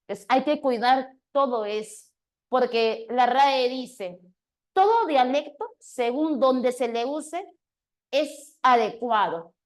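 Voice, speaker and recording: In a fairly high-pitched voice, a woman teaches an online grammar class for exam prep. She explains things step by step and checks in with her students along the way.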